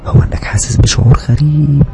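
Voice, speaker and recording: A man's voice: mid-range voice, steady tone, fast talker, creaky, pitched above the performer's own voice, close to an everyday voice. A man with an Egyptian accent voicing the stern, taunting inner voice of a frightened narrator in a horror story, half-whispered. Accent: Egyptian Arabic.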